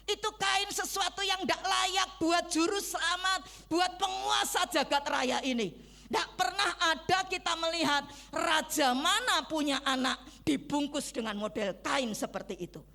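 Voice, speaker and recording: A woman's voice: very high-pitched, measured pace, vocal fry, bright, forceful tone. A woman preaching a Christmas sermon in a conversational way, putting questions to the congregation and acting out little everyday scenes. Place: church service.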